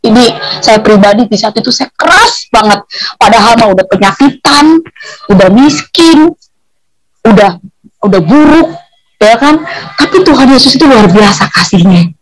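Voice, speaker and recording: She speaks at a moderate pace with a slightly high, expressive voice, pausing often, and the audio quality is poor. As she tells the story of her faith in a relaxed, slang-heavy way, her emotions surface and her voice sometimes breaks into crying.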